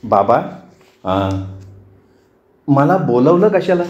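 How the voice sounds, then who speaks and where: A man voicing a shy young woman who gives hesitant, soft, short replies. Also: mid-range voice, sing-song, takes it slowly. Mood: puzzled. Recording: roomy, dull lo-fi recording.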